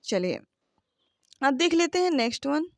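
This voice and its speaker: A woman's voice: high voice, big pitch swings, moderate pace, creaky, no echo, studio quality. A woman teaching English literature for exam prep, who asks rhetorical questions and answers them herself, calling her listeners friends. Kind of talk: exam-prep lesson, reading questions then explaining.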